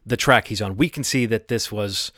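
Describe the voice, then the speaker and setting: A man's voice: lowish voice, normal speed, a bit bright, dry recording, clean studio sound. A man co-hosting a casual television recap podcast, talking in an analytical, thoughtful way with occasional laughs. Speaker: podcast co-host.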